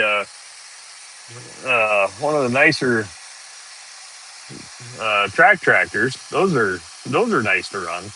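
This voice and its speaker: A man's voice: mid-range voice, sharp tone, slight background noise, rough recording. A man, chatting casually and rambling on a live stream from a tractor cab, laughing easily. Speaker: farm worker livestreaming.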